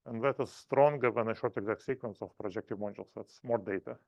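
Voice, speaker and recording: A man giving a math seminar lecture, explaining in halting, self-correcting phrases. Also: fairly low pitch, creaky, darkish tone, dry recording, muffled recording.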